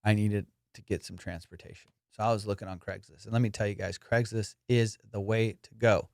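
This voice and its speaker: A lowish, slightly fast voice with vocal fry belongs to a young adult comedian and podcast host, who brags and swears through casual storytelling in monologue form, bursting with excitement at times. Dry, studio-quality recording.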